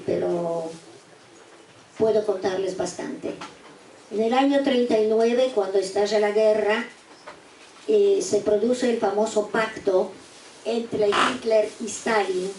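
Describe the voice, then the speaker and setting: Elderly woman in her eighties, deliberate halting speaker, heard from a distance with faint noise. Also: mid-range voice, fairly even intonation, a little mellow. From eastern Poland. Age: 80s. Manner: slow, deliberate, with repeated restarts. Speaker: guest speaker giving survivor testimony. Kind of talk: spoken testimony to students. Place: university auditorium. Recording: echoey room, distant mic, faint noise.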